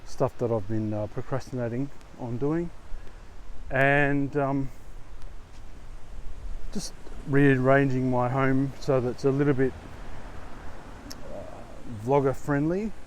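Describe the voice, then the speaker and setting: Slow-talking Australian man, wind on mic. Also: medium pitch, steady tone, low-quality recording. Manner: halting, unhurried. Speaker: vlogger. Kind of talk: casual rambling vlog talk. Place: outdoors, walking in a street in strong wind. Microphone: lavalier mic. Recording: wind on mic, gusty noise. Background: blustery wind.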